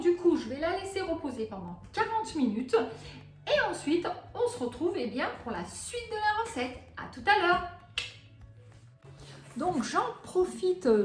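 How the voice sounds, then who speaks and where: A woman in her forties hosting a cooking vlog, talking casually, chatty and self-mocking, in a home kitchen. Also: sits high. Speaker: cooking channel host. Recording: echoey room.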